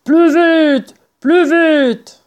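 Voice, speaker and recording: Storybook role: woman voicing a loud, bellowing fat farmer, raised pitch. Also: very slow. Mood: angry bellowing. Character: fat, bellowing male farmer, hot-tempered.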